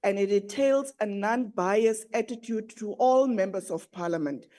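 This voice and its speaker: A woman's voice: medium pitch, normal speed, mellow. A woman making a formal objection in parliament, sounding indignant and reproachful. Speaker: member of parliament raising an objection. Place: parliament chamber.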